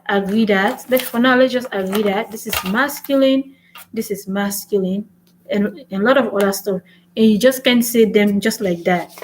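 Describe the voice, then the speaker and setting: In a casual video lesson, a native English-speaking woman teaches French in a mid-range voice, chatty and repetitive, often asking "right?" and writing on a board. The audio is poor, with a slight hiss or hum.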